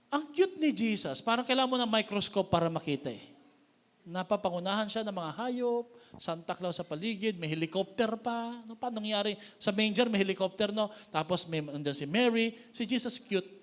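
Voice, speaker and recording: Male Filipino pastor, Filipino accent, lively sermon delivery, high-pitched and bright. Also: fairly quick. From Philippines. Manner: lively, joking, calls on the congregation.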